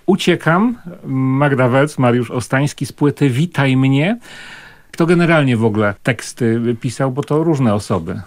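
A male radio host leads the conversation, briskly announcing a song and putting questions to his guests in a mid-range, even voice. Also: medium pitch. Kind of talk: interview hosting.

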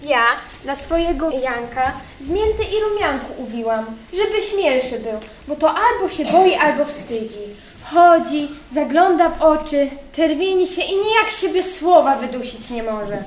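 A woman's voice: sits high, a little slow, few pauses, slight background noise. A woman playing a chatty young village girl. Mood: gossipy. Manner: lively gossiping rural speech. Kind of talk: amateur folk stage play. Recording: roomy hall with faint ambience.

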